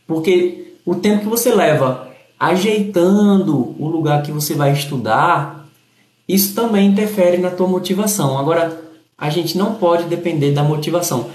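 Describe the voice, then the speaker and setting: A man's voice: fairly high pitch, moderate pace, a little mellow. A man with a Recife Brazilian accent who says s as a slushy sh, giving a casual motivational livestream talk, explaining and thanking viewers. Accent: Recife Brazilian Portuguese. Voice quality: slushy sh sound for s. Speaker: livestream host. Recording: echoey, roomy sound.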